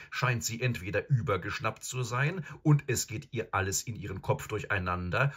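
A man voicing a stern eldest brother in a storybook reading, scolding forcefully. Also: deep voice, husky, heavily acted.

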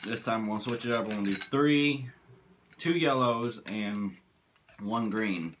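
A man's voice: fairly low pitch, unhurried, a bit bright, a little hiss or hum. A man in a casual vlog challenge, talking with his mouth full of sour candy. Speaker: challenge eater.

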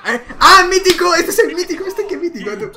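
A man's voice: very high voice, expressive, fairly quick. A young man giving casual, slangy reaction commentary on gaming clips and laughing often.

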